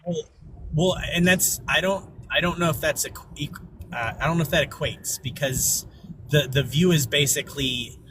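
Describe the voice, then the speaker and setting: A man's voice: a little high, normal speed. Man on an echoey bluetooth headset. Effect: echo on his audio. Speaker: guest, mental health counselor. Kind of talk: casual live-stream chat. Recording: noisy bluetooth call audio.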